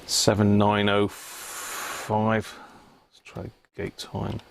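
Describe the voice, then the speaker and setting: A man with a lowish, monotone voice draws out his words while hosting a casual electronics livestream on radio repair. He mutters step by step, thinking aloud as he works. The background noise is clear, with clicks.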